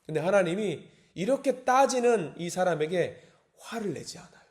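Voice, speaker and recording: A male pastor giving an early-morning sermon, reading scripture slowly and acting out indignant prayers in a raised voice. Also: high voice, very animated, darkish tone. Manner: reads scripture slowly and deliberately.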